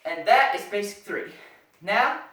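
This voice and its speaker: Slow, echoey karate instructor giving sharp commands. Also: mid-range voice, expressive. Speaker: martial arts instructor. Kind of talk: step-by-step karate demonstration lesson. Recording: echoey room, far from the mic.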